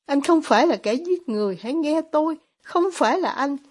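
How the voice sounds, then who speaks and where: A woman voicing a gentle, devout young man who speaks quietly and deliberately, read as an audiobook. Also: high voice, lively intonation, voice pushed up. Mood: hushed. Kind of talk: audiobook reading of dialogue.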